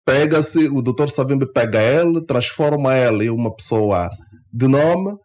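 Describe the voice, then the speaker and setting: A man with an Angolan Portuguese accent, speaking as a guest in a radio studio interview, emphatic and climbing sharply in pitch when he is indignant. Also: normal speed, darkish tone. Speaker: interview guest, party member.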